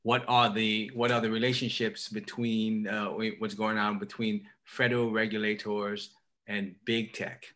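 A middle-aged man with a Queens, New York accent, speaking as a legislator on a group call in a halting way, repeating phrases and posing questions. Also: fairly low pitch, flat delivery, fairly bright tone. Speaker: state legislator, guest speaker. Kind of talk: prepared remarks on a group call. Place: indoor room at home, on a video call.

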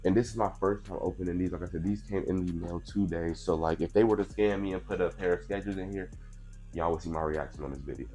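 A sneaker vlogger in his twenties speaks fast in a low-pitched, mellow voice with a steady tone, faint music behind him. He's a little congested from allergies and chats casually through an unboxing on a clip-on mic. The setting is a small indoor room with purple lighting, and he's relaxed and chatty, fond of "you know what I'm saying."

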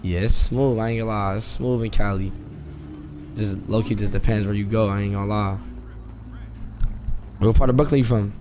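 In this online role-play, a young Californian man speaks in a lowish, fairly even voice at a moderate pace, leaving long pauses. His in-character chat is casual and full of slang, playfully argumentative and repetitive. It's recorded over noisy game voice chat on a headset, with background noise audible.

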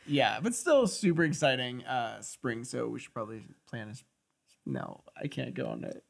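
A man's voice: mid-range voice, normal speed, vocal fry. Chatty man co-hosting a podcast. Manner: animated, gestures a lot, jokey. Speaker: podcast co-host. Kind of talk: casual chat. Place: small studio set, indoors. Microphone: desk mic on stand.

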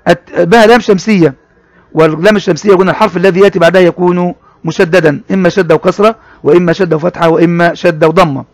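A man's voice: high voice, steady tone, rapid-fire, dry recording. A man teaches a children's reading lesson. He goes word by word, repeating phrases and addressing the pupils directly. The recording is dry and close. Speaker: primary school teacher.

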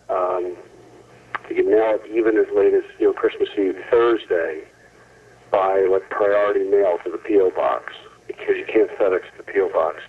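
A man's voice: sits low, breathy edge, distant mic. A man leaving a casual, businesslike answering machine message, giving instructions and repeating details over a tinny telephone line. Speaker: caller leaving a phone message. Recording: muffled, tinny 1990s answering machine tape.

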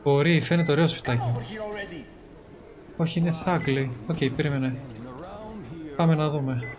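Brief: man from Greece, teasing let's-play host, slightly high voice, game music underneath. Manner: playful, teasing. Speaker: gaming channel host. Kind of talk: joking let's-play commentary.

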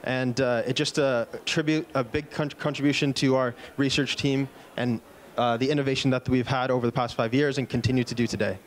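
On a conference stage inside a large event hall, a man in his thirties talks fairly quickly through an upbeat product keynote. His medium-pitched voice keeps a fairly even intonation, and he uses a handheld mic, with a few fillers and restarts.

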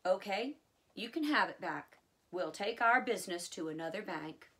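A woman's voice: medium pitch, animated, moderate pace, pushed and bright. A woman reading the lines of a frustrated middle-aged man who runs a film studio, in a blunt, scolding way.

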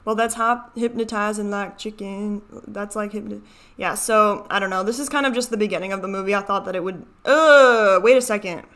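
In a small furnished home room, with a desk mic peeking in at the frame's edge, a young Chicago-accented video host rambles through casual reactions, often cutting herself off. She talks fairly quickly at a medium pitch with a fairly bright tone, and she's a young adult from Chicago, United States.

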